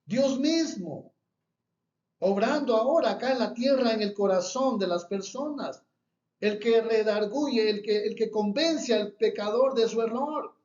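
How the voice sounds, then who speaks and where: A man's voice: high-pitched, unhurried, darkish tone. A man preaching a sermon and reading Bible verses, emphatic and repeating his key phrases. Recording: echoey room, dull lo-fi sound.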